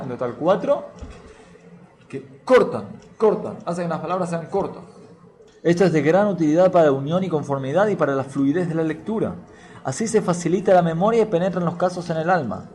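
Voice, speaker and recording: A man's voice: on the high side, noisy background. A man teaching a lesson on a religious text. He reads passages aloud, then explains them and puts questions to his students.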